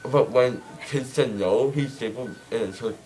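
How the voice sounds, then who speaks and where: A man's voice: medium pitch, a little slow, very noisy. A teenage boy chatting casually and ramblingly after wisdom teeth removal, muffled by gauze in a numb mouth. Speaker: patient just out of wisdom teeth surgery. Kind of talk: casual chat. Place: small dental clinic room. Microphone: phone held close by someone else.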